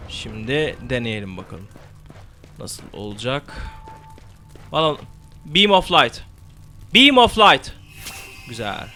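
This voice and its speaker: Bright-voiced young man swearing through a game. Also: medium pitch, slight background noise. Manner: swearing, shouting spell words into the mic. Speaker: gameplay commentator. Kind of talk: let's play commentary.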